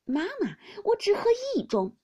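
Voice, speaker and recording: A woman's voice: high-pitched, big pitch swings, normal speed, husky, full character voice. A woman doing a grumbling old nurse. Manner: loud, complaining, aggrieved. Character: scolding old female wet nurse, fussy and grumbling.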